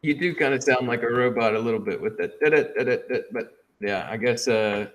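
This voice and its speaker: A man's voice: mid-range voice, a little fast, fairly bright tone. A man co-hosting a casual podcast, rambling with many ums and uhs as he shares his final thoughts. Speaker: podcast co-host. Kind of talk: casual chat.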